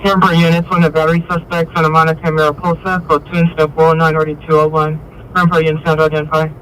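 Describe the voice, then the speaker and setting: A man's voice: on the high side, completely flat delivery, very fast, fairly bright tone, a little hiss or hum. A man speaking over police radio as an officer, in clipped radio codes through a muffled scanner feed.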